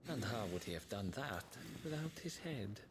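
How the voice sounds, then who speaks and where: An actor playing a cold, silky, manipulative schemer in a video game, measured and quietly mocking. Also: male voice, fairly low pitch, sing-song, noisy background. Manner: measured, taunting, near-whispering at times. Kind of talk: video game cutscene acting. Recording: game music behind the voice.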